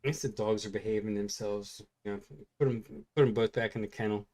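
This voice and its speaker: A tired man chatting casually and at a relaxed pace as a co-host, rambling with fillers. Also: fairly low pitch, fast. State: tired, yawning. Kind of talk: casual late-night chat.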